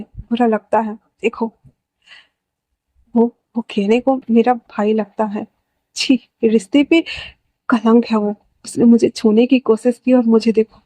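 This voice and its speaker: A woman narrates a homemade romance story in a loose, conversational way, stopping now and then to speak straight to her listeners. Her voice is fairly high yet mellow and soft-edged. The recording is close and dry. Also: no room sound. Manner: chatty, addresses listeners directly. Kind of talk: casual fan-fiction narration.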